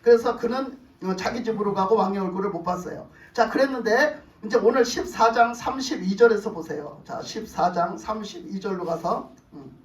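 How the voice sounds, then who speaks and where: A male pastor preaching a sermon, retelling the story with animated acted voices and rhetorical questions to the congregation. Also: sits high, moderate pace, few pauses, echoey room, recorded from a distance, poor audio. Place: church sanctuary.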